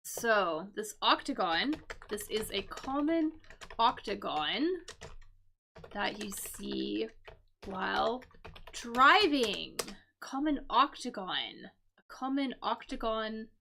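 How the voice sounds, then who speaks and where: Lady teaching english on a stream, talks real slow, lots of um and right?, kinda high voice. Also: big pitch swings, creaky, bright, forceful tone, slight background noise. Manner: slow, repetitive explaining with frequent fillers and "right?". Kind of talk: live-stream teaching, explaining clues.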